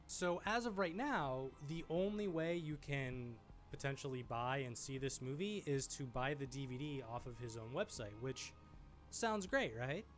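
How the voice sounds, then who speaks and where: This man's voice sits in the mid range, animated but a little slow, as he hosts a video essay. He talks about film in a casual, excited, chatty way while music plays behind him.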